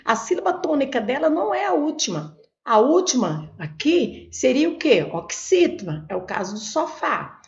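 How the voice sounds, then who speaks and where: A woman's voice: sits high, gravelly, roomy sound. A woman teaching Portuguese grammar for an exam, explaining step by step, with a Brazilian Portuguese accent, who asks questions and then answers them herself. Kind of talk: exam prep lesson, explaining on a board. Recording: dull lo-fi recording.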